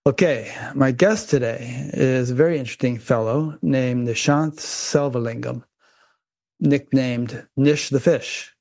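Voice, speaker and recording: A man hosting a conversational interview over a video call, relaxed and measured with a dry sense of humor. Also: medium pitch, vocal fry. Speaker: podcast host.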